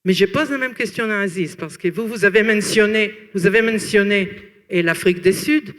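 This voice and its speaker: At a public talk, a woman from France and Israel poses a long, earnest question from the audience, frequently pausing as she searches for words. Her voice sits in the mid range, and the room leaves a long reverb tail.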